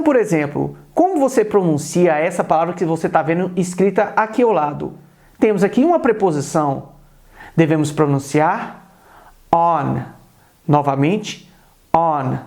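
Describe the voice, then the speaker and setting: Um homem jovem do Brasil, com sotaque brasileiro, dá uma aula em vídeo de pronúncia inglesa e repete devagar cada palavra de exemplo. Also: male voice, sits high, a little mellow. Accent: Brazilian Portuguese. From Brazil. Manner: repeats example words slowly and deliberately. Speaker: English teacher. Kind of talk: video lesson on English pronunciation.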